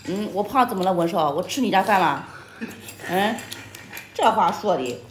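A woman's voice: mid-range voice, expressive, moderate pace. Teasing, chatty woman streaming her meal. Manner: chatty and teasing, often laughing. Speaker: livestream host. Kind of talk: casual chat while eating on a livestream. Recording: echoey room with faint noise and clattering dishes.

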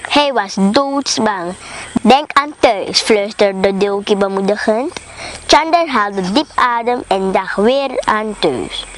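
A woman reading a children's story aloud slowly and carefully. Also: medium pitch, expressive, a little hiss or hum. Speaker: storybook reader.

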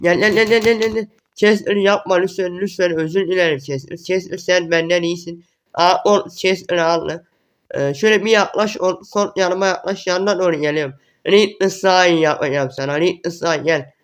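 A young male gaming YouTuber with a high-sitting voice gives excited commentary on a match as it unfolds, repeating words in quick bursts.

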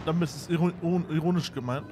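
A man giving casual gameplay commentary, excitable and self-mocking, shouting at his own fails. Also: a little high, quick pace, music in the background. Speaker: gaming YouTuber. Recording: game sounds behind.

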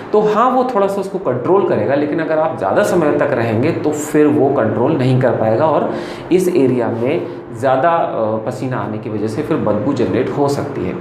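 A man in his thirties, a psychologist, explaining clothing advice casually to camera from a small clinic room. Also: medium pitch. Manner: explanatory, gestures a lot with his hands. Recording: echoey room with faint ambient noise.

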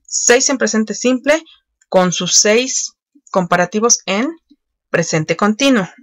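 A woman walks learners patiently through an online English lesson. She pauses with frequent fillers as she explains each step. The recording is dry and close, with no room sound. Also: mid-range voice, animated, no room sound.

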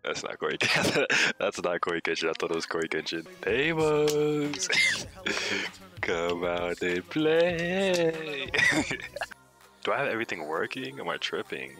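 A young man live streaming, chatting casually to his viewers, excitable and slangy, breaking into shouts and laughter. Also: low voice, vocal fry. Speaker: livestreamer. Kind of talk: casual live stream chat reacting to clips.

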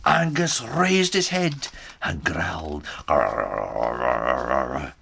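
A crafty, chatty Scottish islander spins his yarn in a put-on Scottish accent, as a man puts him on. His storybook voice swoops high and low with plenty of sly relish. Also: drawn-out words, gravelly, slight background noise, heavily acted. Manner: lively, sly first-person storytelling. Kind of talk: storytime reading in character.

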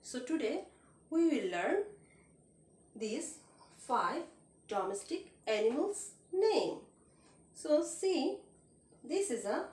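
A woman teaching an online kindergarten class, speaking slowly in a sing-song teacher voice and mimicking animal sounds. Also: high-pitched, reverberant, distant mic. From Bangladesh. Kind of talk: online class lesson for young children.

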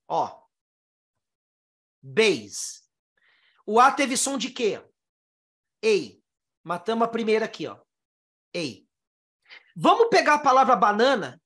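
A woman's voice: on the high side, a bit bright. A Brazilian-born teacher explaining English pronunciation to her students, drawing out syllables one by one and asking them rhetorical questions. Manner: explains step by step, sounding out syllables slowly; asks the listener rhetorical questions. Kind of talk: classroom lesson explaining pronunciation.

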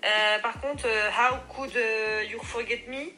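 A woman's voice: a little high, steady tone, slow pace, sharp tone, faint music behind, rough recording. A young woman with a French accent leaving a playful, hesitant voice message in broken English. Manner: playful, hesitant, many fillers. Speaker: vlogger sending a voice message. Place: voice message recording.

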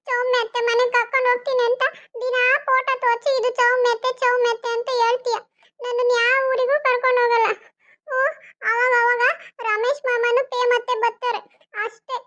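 Cartoon kid: woman voicing a whiny, nonstop little village boy, very high voice, dull lo-fi sound. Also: pushed and bright. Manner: whiny, pleading, talks nonstop. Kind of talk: cartoon voice acting.

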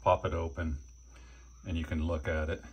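An older man talks through a hands-on gear review at his indoor workbench. His voice sits low and a little husky, and he speaks in a relaxed, plain way with fillers. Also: normal speed. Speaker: channel host reviewing batteries. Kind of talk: casual hands-on product review.

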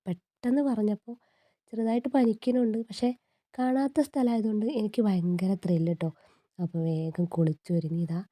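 A woman narrates a casual travel vlog while riding on a bus. Her voice is very dark and mellow, and a cold has left it stuffy and congested. She chats in a friendly, homely way, tacking small asides onto her sentences. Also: mid-range voice, no room sound. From north Kerala. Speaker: travel vlogger.

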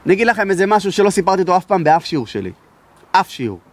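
Rabbi giving a lesson, high pitch, emphatic and loud at times. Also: male voice, sing-song. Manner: raises his voice to be heard, emphatic. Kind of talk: sermon with storytelling.

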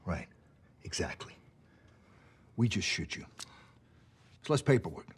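A man's voice: low-pitched, sing-song, a little slow, husky, in a whisper, exaggerated voice. A middle-aged man playing a menacing, taunting tough cop in a film interrogation, profane and sardonic. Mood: aggressive taunting. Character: menacing tough cop, crooked, taunting gang-like squad leader. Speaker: actor in a crime film. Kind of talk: naturalistic film interrogation acting. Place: indoors, lamp-lit hotel suite.

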